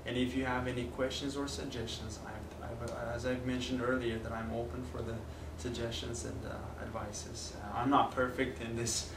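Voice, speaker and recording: This young man from Kazakhstan, a native Kazakh speaker with an accent, works as a language teacher giving a video lesson in an indoor classroom with a whiteboard. His mid-range voice is flat, at a moderate pace with hardly any pauses, but he still hesitates casually with many fillers and restarts. The audio, from a distant camera, is noisy and echoey.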